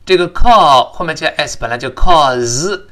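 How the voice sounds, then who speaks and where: A man's voice: a little high, lively intonation, a little fast, bright, forceful tone. A man teaching English pronunciation in a chatty recorded lesson, modeling each sound aloud.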